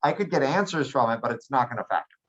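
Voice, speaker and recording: A man's voice: medium pitch, lively intonation, quick pace, a bit bright. Male teacher, classroom lecture, patient and step by step, slightly dull lo-fi sound. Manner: checks in with students often, patient and plain. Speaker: math teacher.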